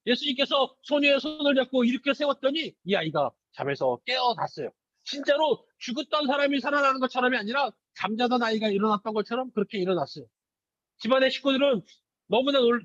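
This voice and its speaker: A man's voice: very high voice, dry recording. A man, a children's pastor, telling a story in a children's sermon and asking the children questions, on a slightly dull lo-fi recording. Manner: questions to the children, lively retelling.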